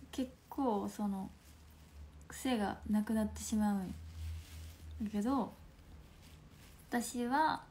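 A woman in her twenties from Fukuoka with a Hakata accent, chatting playfully on a phone livestream at home, laughing often and slipping into soft asides. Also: fairly high pitch. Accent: Hakata dialect. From Fukuoka, Japan. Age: 20s. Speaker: livestream host. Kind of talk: casual livestream chat reading viewer comments.

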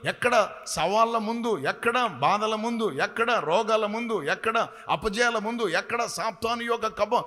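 A man preaching a sermon and leading prayer, fervent, at times shouting and half-singing his phrases. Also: high-pitched, a little slow. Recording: long hall reverb.

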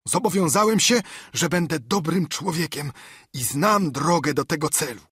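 A man's voice: fairly high pitch, normal speed, husky, dry recording, clean studio sound, pitched above the performer's own voice. A man doing Ben Gunn, a frantic marooned castaway. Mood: confiding. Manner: excitable, pleading, repeats himself. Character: half-mad marooned male castaway, eager and wheedling.

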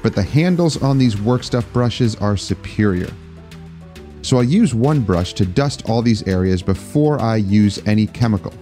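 A man's voice: lowish voice, expressive, normal speed, dark tone, faint music behind. A man in his thirties hosting a car detailing channel, explaining tools in an upbeat, demonstrating way. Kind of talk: product demo narration. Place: garage workshop.

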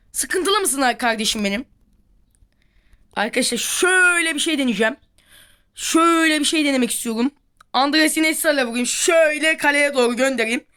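A woman hosting a football video game, commentating excitably and shouting at the plays. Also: sits high. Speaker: gaming video host.

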